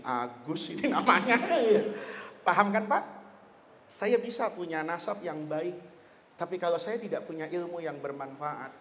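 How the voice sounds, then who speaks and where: A man preaching a lively religious lecture, joking and asking the audience questions. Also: sits high, slight background noise. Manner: animated, jokey, asks the audience questions. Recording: long hall reverb.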